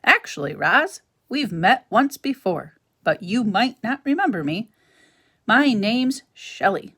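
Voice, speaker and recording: A woman reading a children's novel aloud, voicing a big, friendly female otter with a bright, chatty delivery. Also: a little high, sing-song, takes it slowly, slightly rough, voice pushed up, full character voice.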